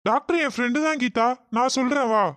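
An earnest young cartoon husband, a man with a fairly high voice. He talks in a calm, soothing way. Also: a little fast, no echo. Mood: reassuring. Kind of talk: cartoon voice acting.

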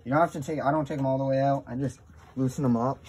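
A man's voice: medium pitch, fairly even intonation, fast, darkish tone, slight background noise. A young man narrating a casual, rambling how-to while working on a machine in an indoor garage, recorded on a handheld phone. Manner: rambling, offhand, with many fillers. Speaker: snowmobile DIY vlogger.

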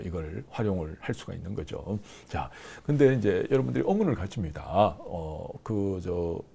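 A man's voice: on the low side, vocal fry, dark tone. A man in his fifties giving a lecture to camera in a small studio on a lapel mic, explaining with many fillers and hand gestures. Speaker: business course instructor. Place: small indoor studio with screen backdrop.

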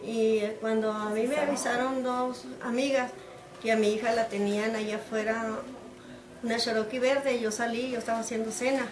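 Animated middle-aged mother, echoey room. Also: on the high side, moderate pace. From Mexico. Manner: animated storytelling, acting out quoted dialogue. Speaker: interviewee, mother of the detained woman. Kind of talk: emotional personal account.

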